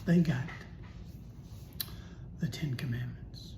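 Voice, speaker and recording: A man explaining the Bible in a conversational way, with storytelling and rhetorical questions. He talks slowly. The recording has a roomy echo and a steady noise behind him. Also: medium pitch. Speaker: Bible teacher. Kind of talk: casual Bible teaching talk. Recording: echoey room with steady noise.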